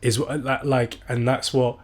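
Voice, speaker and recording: A man's voice: medium pitch, flat delivery, measured pace, a little mellow, husky. A man chatting casually as a podcast co-host. He rambles through his points, scattering "like" and tag questions along the way. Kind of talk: casual chat.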